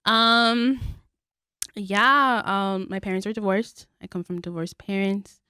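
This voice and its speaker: A woman's voice: medium pitch, steady tone, slow pace, pushed and bright, clean tone, dry recording, clean studio sound. A young woman from the Bronx, co-hosting a casual podcast chat, laughing often and saying "like" a lot. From Bronx, New York. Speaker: podcast co-host.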